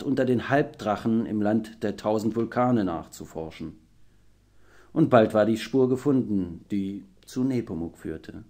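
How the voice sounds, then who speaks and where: A man reading a children's book aloud as an audiobook narrator, with a measured, expressive delivery. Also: on the low side. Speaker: audiobook reader. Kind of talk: storytelling narration.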